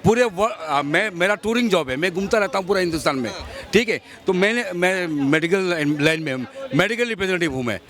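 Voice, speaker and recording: A man's voice: high-pitched, expressive, quick pace, a bit bright. Argumentative man in his fifties from Assam. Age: 50s. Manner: argumentative, insistent, lecturing. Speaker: passerby interviewed on the street. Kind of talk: street interview.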